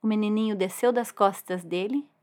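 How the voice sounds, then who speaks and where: A woman narrating a children's story expressively. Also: mid-range voice. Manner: animated, expressive, drawn-out words.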